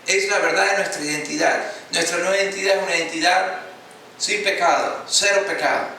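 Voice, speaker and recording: A man's voice: high voice, a little fast, gravelly, sharp tone, a little hiss or hum. A male pastor preaching a sermon in an emphatic way, calling out to the congregation and waiting for them to answer. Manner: emphatic preaching with call-and-response. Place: church hall. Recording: echoey church hall from a distance.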